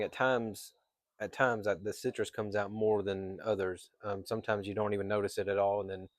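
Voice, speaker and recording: A man giving a casual, unscripted product review as a reviewer, pausing mid-thought and thinking aloud. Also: on the low side, no room sound, clean studio sound. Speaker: pipe tobacco reviewer.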